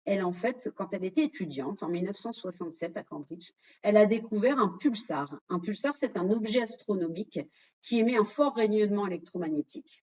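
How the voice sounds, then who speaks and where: A woman's voice: medium pitch, animated, a little fast, a little mellow, breathy edge, dull audio. A French-speaking woman presenting a quiz in an online webinar, addressing the audience directly and revealing the answers.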